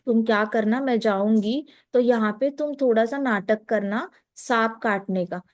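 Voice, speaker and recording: A woman voicing a scheming young friend who speaks in a low, confiding murmur. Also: a little slow, no room sound, studio quality, natural voice. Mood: conspiring.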